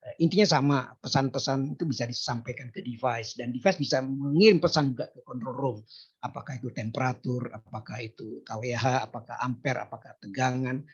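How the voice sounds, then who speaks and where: A hoarse man explaining technology in a discussion and asking a question, with frequent hesitations. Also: mid-range voice, brisk, lo-fi sound. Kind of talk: casual discussion talk.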